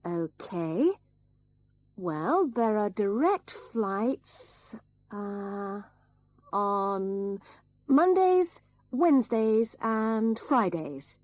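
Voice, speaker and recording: A woman voicing a polite travel agent and exam narrator in a scripted listening-test recording, with a measured, careful delivery. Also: mid-range voice, very animated, a little mellow, no room sound. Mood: helpful.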